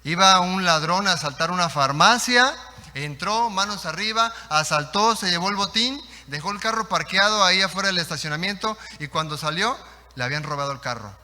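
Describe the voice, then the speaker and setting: Mexican pastor, animated sermon storytelling, reverberant church hall. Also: male voice, sits high, a little fast. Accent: Mexican Spanish. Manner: animated storytelling, rhetorical questions.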